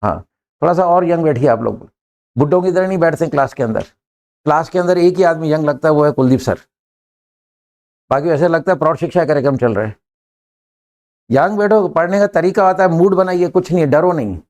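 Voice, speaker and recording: Older man, classroom English teacher, slightly high voice, brisk, jokey, drills his students fast. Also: expressive, a little mellow. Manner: brisk, joking, urging students to answer fast.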